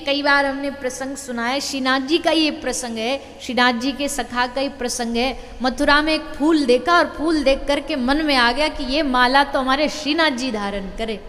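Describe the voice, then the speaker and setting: High-voiced woman preaching in a hall. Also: moderate pace, hardly any pauses. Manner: lively, acts out dialogue in the story. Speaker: spiritual storyteller. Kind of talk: devotional sermon storytelling.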